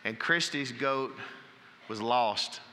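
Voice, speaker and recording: A man preaching a sermon from the pulpit, telling folksy stories and dropping to a hush for emphasis. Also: medium pitch, slow pace, big-room sound, slight background noise. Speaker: pastor. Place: church sanctuary.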